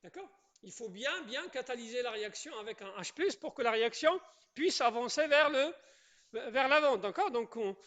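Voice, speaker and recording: At the board, a chemistry teacher with a high-sitting, slightly bright voice delivers a classroom lecture, and the recording's highs are cut off. The teacher repeats things a lot, says "d'accord?" and "je répète" to check in, and quizzes students before praising their replies.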